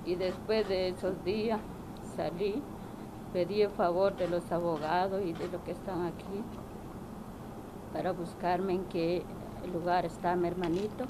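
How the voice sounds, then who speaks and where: A young woman from Guatemala tells her story very slowly, in a lowish voice, halting and searching for words. Clear background noise sits under her. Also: flat delivery. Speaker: speaker at a press conference. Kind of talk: personal testimony. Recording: noisy press room audio.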